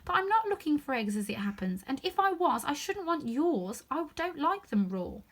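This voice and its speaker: A woman doing a high, earnest little girl. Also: sing-song, normal speed. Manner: earnest and indignant. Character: polite, puzzled little girl.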